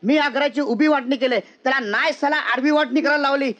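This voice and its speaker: A taunting, sarcastic husband. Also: male voice, very high-pitched, fast, fairly bright tone, lo-fi sound. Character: scheming young husband avenging his sister, mocking. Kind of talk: film acting.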